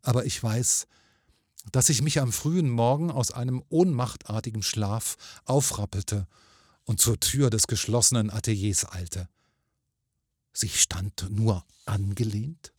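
A man narrating a ghost story in a measured, grave manner. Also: lowish voice, darkish tone, slightly rough, dry recording, clean studio sound.

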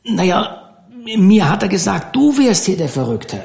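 A man voicing a curious, blunt teenage fisher boy who talks quickly and colloquially in an audiobook. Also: sits high, sing-song, vocal fry, darkish tone, voice pushed up, full character voice. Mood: eager.

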